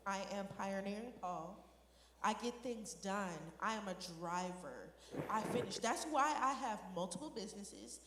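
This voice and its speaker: A woman's voice: mid-range voice, unhurried, a bit bright, slight background noise, lightly acted. A woman playing a bossy, boastful male leader who mocks others and talks brashly and impatiently. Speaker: skit performer. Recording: echoey room with long reverb.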